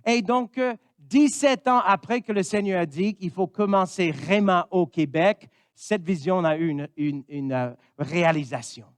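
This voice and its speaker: A man's voice: high voice, no echo. A man in his fifties from Missouri, a pastor, preaching a sermon in an earnest way and often saying amen. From Missouri, United States.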